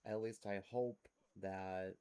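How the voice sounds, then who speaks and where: Low-voiced man giving casual game commentary. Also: steady tone, slow pace, dark tone. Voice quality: rough smoker's-type cough. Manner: explanatory, addressing viewers. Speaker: host of a gameplay series.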